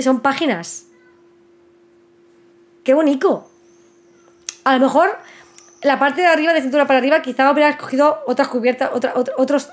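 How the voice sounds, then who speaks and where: A young woman hosts a casual live stream in a slightly high voice. She talks excitedly and restarts her sentences often, repeating words as her thoughts race ahead. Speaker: host of a live book news stream.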